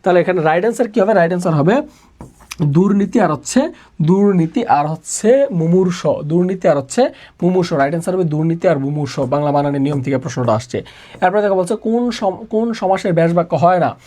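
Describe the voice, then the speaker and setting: A man teaching a live online exam-prep class who repeats each question and answer again and again, pushing students to answer quickly. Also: high-pitched, warm tone. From Bangladesh. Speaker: admission exam tutor.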